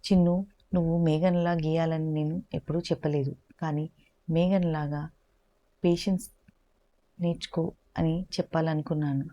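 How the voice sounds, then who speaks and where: A woman voicing a tender mother who speaks softly and gently to her son in a storybook tale. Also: sits low, little pitch movement, normal speed, long pauses, lightly acted. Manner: soft, gentle.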